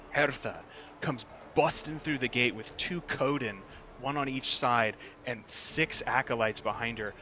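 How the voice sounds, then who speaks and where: A man's voice: mid-range voice, a little hiss or hum. A man narrating a tabletop game as game master, describing the action vividly. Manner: vivid, energetic scene description. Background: music.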